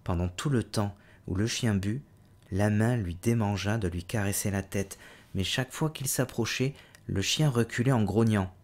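Man, low voice, audiobook narration, steady measured reading, home recording. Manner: steady measured reading, voicing the hero's cries with louder higher lines. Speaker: audiobook reader.

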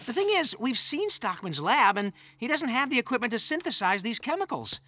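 A man's voice: very high-pitched, very animated, fairly quick, sharp tone, dry recording, exaggerated voice. A man voicing a brainy teenage mutant turtle who explains things in technical terms. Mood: explaining. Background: cartoon music.

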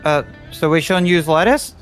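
A man's voice: fairly high pitch, moderate pace, soft background music. A man in a game role-play, playing puzzled, obliging restaurant staff. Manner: puzzled and accommodating.

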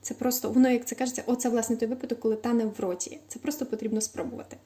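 A woman from Ukraine chatting casually in a home cooking vlog, stretching out the ends of words and pausing on filler sounds. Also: fairly high pitch, little pitch movement, mellow. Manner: stretches out word endings; frequent hesitant fillers. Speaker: cooking vlogger. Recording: echoey room.

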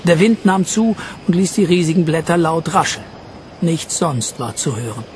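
A man reading a story aloud as audiobook narrator in an expressive, steady manner. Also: fairly high pitch, normal speed, slight background noise. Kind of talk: scripted narration.

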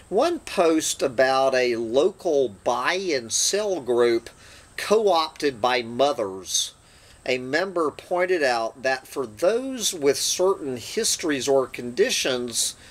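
A man hosting his channel, reading an essay aloud with dry, sardonic asides between passages. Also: mid-range voice. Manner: slow, deliberate reading with sardonic asides and throat-clearing.

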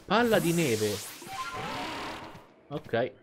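A man's voice: a little high, big pitch swings, drawn-out words. A man giving casual let's play commentary, thinking aloud and reacting as he plays. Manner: chatty, thinking aloud, exclamatory. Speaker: gaming YouTuber. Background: faint game music.

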